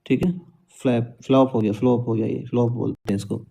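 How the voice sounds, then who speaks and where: Male teacher, dark monotone, repetitive coaxing delivery. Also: medium pitch, brisk, vocal fry. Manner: repetitive, coaxing, keeps asking "is it?". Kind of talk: vocabulary lesson with memory tricks.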